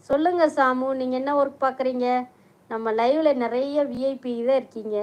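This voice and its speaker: A middle-aged woman hosting a casual live stream, chatting warmly with viewers, reading out their comments and mixing in English words. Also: on the high side, low-quality recording.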